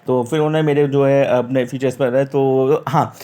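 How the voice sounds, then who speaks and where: In a mellow, medium-pitched voice with a steady tone and normal speed, a young man from Uttar Pradesh, India, casually relates his experience as an interview candidate. He chats away, reenacting the conversation and frequently restarting his sentences.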